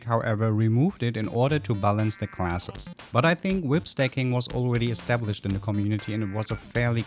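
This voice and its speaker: A man giving conversational video commentary on reviews, with an animated, wry and mock-exasperated way of talking. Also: mid-range voice. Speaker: gaming video creator reading reviews. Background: background music.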